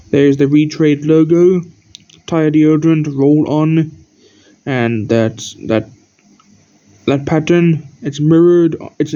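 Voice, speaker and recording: A tired man who keeps yawning gives a rambling, halting show-and-tell of his toy collection as the channel host, pointing out details one by one. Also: fairly high pitch, warm tone. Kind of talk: casual show-and-tell narration. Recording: dull lo-fi recording.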